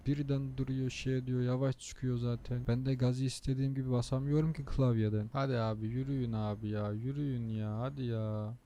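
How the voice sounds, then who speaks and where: A man's voice: medium pitch, gravelly, warm tone. A tired young man hosting a gaming channel, chatting casually while he plays and grumbling at the traffic, swearing under his breath. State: tired, low on energy. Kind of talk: casual gameplay commentary.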